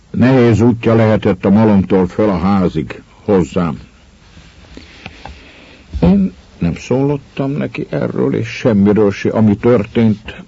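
A man's voice: lowish voice, husky. A man playing a brooding man confessing a killing. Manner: grave, measured storytelling that drops to hushed whispers. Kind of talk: dramatic monologue. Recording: dull lo-fi recording.

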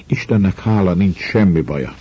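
A man's voice: deep voice, lively intonation, breathy edge, full character voice. A man reading as a timid, stammering young village woman. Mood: hesitant. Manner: soft, hesitant, stammering. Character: young village woman, anxious, ashamed, gentle. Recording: dull lo-fi recording.

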